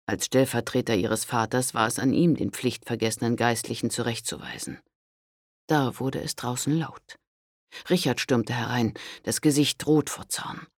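A man reading a historical audiobook in a calm, measured way, recorded close to a studio microphone. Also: medium pitch, no echo. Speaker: audiobook narrator. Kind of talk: scripted historical audiobook narration.

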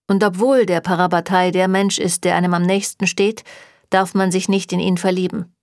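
A woman's voice: fairly low pitch, flat delivery, normal speed, no echo, close to an everyday voice. A woman voicing a mocking old male warlock. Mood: sardonic. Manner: dry and mocking. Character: sardonic, evasive centuries-old male warlock.

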